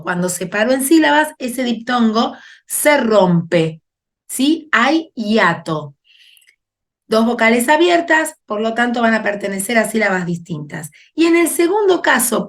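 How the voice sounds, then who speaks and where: A woman's voice: fairly high pitch, a bit bright. A woman teaching a grammar lesson, explaining patiently and checking in with her students as she goes.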